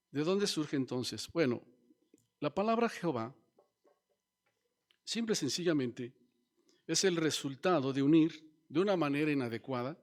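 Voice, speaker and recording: A man preaching a sermon as pastor, teaching and asking the congregation questions. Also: fairly high pitch. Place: church.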